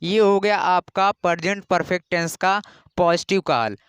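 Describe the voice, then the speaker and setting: A man from India teaching English grammar in a patient classroom style, repeating key rules and spelling words out slowly. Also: high voice, a bit bright, smooth, no room sound.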